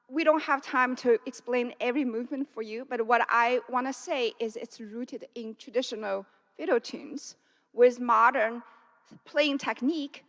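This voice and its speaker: High-voiced woman in a reverberant church. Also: a bit bright. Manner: chatty, explanatory, lists titles one by one. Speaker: string quartet musician. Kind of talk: introducing pieces at a concert talk. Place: church sanctuary.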